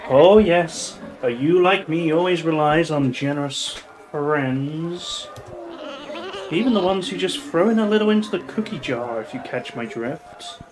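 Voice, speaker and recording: A sly cat burglar lady, acted by a man in a noir game, pitched on the high side for a male voice. She is flirty and world-weary, teasing with drawled sarcasm. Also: a little slow, close to an everyday voice, low-quality recording. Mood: sly, coy. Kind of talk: game character voice acting.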